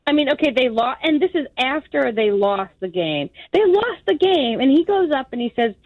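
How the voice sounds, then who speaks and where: Woman on a phone line, high voice, blunt, muffled and dry. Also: very animated, moderate pace, no room sound. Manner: blunt and indignant. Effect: heard over the phone. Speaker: radio call recipient.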